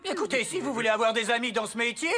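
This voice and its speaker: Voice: medium pitch, animated, quick pace, pushed and bright, faint music behind. An actor playing a pompous, eccentric avant-garde theatre director in a cartoon, theatrical and gushing. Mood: dismissive, grandiose. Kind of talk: French animated comedy dub.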